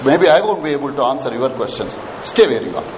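A man's voice: mid-range voice, big pitch swings, fast talker. A man with an Indian accent giving an interactive lecture to students, prodding listeners with questions and repeating his points. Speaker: lecturer leading a management session. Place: large hall with an audience of students. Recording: echoey hall, clearly noisy background.

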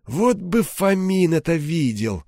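Man doing a criminal enforcer, ex-cop, menacing, mocking, raised voice, slow and heavy delivery. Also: fairly high pitch, very animated, warm tone, dry recording, clean studio sound, voice pushed up, full character voice. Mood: scornful. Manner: cold, threatening, mocking.

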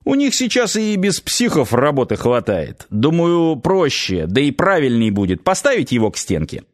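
A man voicing a dispassionate male officer in an audiobook, speaking flatly and matter-of-fact. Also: on the high side, normal speed. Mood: cold. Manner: flat, matter-of-fact, calm.

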